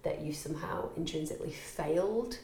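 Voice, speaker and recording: A woman's voice: sits low, brisk, creaky, dark tone, reverberant. A woman with a British accent chatting casually as a podcast co-host, with a wry, jokey manner. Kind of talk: casual chat.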